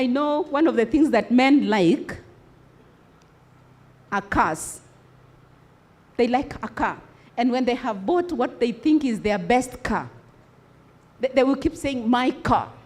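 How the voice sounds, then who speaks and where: A woman's voice: high-pitched, darkish tone. A woman giving a motivational speech to students at a congress, asking rhetorical questions and repeating key words for emphasis. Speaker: motivational speaker. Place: conference hall.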